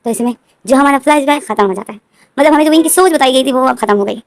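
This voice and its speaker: A woman's voice: high voice, rapid-fire, no room sound. A woman casually retelling a story, often repeating and restarting her sentences. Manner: repetitive, restarting narration.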